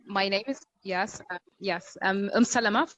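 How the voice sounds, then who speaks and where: A woman with a Sudanese accent introducing herself in an online class, halting as she searches for words. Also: mid-range voice, fairly bright tone, no echo, highs cut off. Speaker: course participant, doctor and lecturer. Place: online video call.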